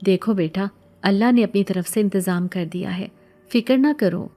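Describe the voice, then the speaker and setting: Gentle worried mother, soft coaxing, mellow tone, storybook, woman reader. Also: mid-range voice, soft background music, natural voice. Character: worried middle-aged mother, gentle and pleading.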